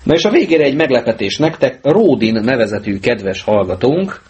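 A man's voice: lively intonation, darkish tone, dull audio. A man hosting an amateur talk radio show, chatting casually with a joking, sarcastic manner. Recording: low-bitrate mono mp3 with faint hiss.

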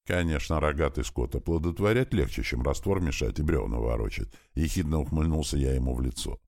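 A man's voice: rumbling low, expressive, brisk, vocal fry, darkish tone. A man reading a first-person audiobook in a dry, sardonic storytelling manner. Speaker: audiobook narrator.

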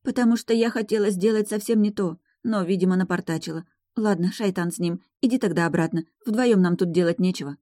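A woman's voice: brisk, hardly any pauses, mellow, no room sound, clean studio sound, natural voice. A woman voicing a jumpy, tearful seventeen-year-old sorceress girl in an audiobook, whiny and panicky. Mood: sulky. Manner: whiny, panicky, high-strung. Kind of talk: audiobook character voice.

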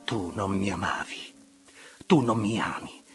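A man's voice: fairly low pitch, unhurried, over music. A man voicing a wounded young nobleman, intense and pressing, who speaks with bitter ardor. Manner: intense, pressing, rising to sharp outbursts.

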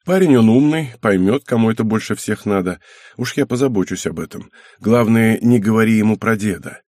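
Weary clan-heir father, low and husky, dry close read, voiced by a male narrator. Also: warm tone, dry recording, lightly acted. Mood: calm. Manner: slow, sighing, soothing.

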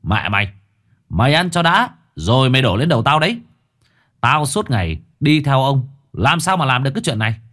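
A man's voice: mid-range voice, big pitch swings, fairly quick, a bit bright, pitched above the performer's own voice. A man voicing a two-faced male servant who snaps at others and grovels to his master. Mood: angry. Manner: whining, fawning.

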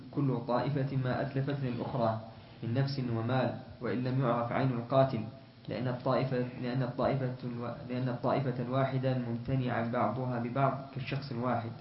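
A man's voice: medium pitch, reverberant, highs cut off, slight background noise. A man, a student in a lesson, reading a classical legal text aloud and restarting on words now and then. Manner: quick recitation with restarts on words.

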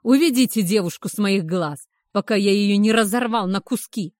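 A woman voicing a furious male werewolf pack leader who shouts and snarls threats. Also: medium pitch, normal speed, no echo, clean studio sound, natural voice.

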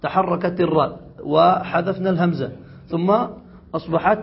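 A man teaching an Arabic grammar lesson, reading a passage aloud and then explaining it slowly with questions to his students. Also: high voice, fairly even intonation, gravelly. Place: classroom or study circle. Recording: dull lo-fi classroom recording.

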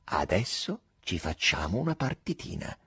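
A gloating army captain bellows and mocks his companion, as a male reader puts him on. His voice is deeply husky, and it swoops high and low with triumph. The room around it is dry and close, like a storybook reading. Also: very animated, moderate pace, no room sound, heavily acted. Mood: sly. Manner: loud, mocking, triumphant. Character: boastful gloating middle-aged army captain.

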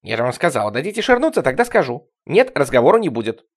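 A man voicing a desperate young female addict in a storybook reading, hoarse and hostile. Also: mid-range voice, very animated, fast. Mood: defiant. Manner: hoarse, snarling and pleading.

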